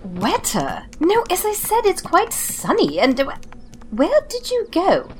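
A woman playing a kindly, muddled, hard-of-hearing old housekeeper in an audio drama, chatty and husky. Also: very high voice, huge pitch swings, takes it slowly, full character voice. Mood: cheerful, doddery.

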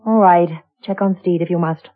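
A self-assured, manipulative woman played by an actress in a vintage radio drama, vain and coquettishly condescending. The voice is husky, heard on a thin, phone-like old recording. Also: lowish voice, steady tone, normal speed, close to an everyday voice. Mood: mocking, confident. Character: vain, languid, manipulative female company secretary.

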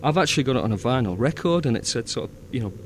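A man with a Northern English accent in relaxed conversation, circling his point with fillers and restarts. His pitch sits in an ordinary middle range. A faint hiss runs underneath. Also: rapid-fire. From north of England. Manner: rambling, many fillers and restarts, easy laughter. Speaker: fan audio drama producer. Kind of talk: casual chat.

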